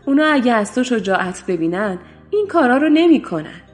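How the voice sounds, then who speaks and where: A bold farmyard rooster, played by a woman for a children's storybook, confident and reassuring. The voice is fairly high and carries a long, ringing reverb. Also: very animated, faint music behind.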